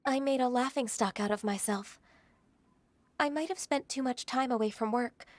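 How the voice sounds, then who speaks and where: Woman voicing a soft-spoken, dutiful game secretary, polite and formal, fairly high voice. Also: moderate pace, no echo, lightly acted.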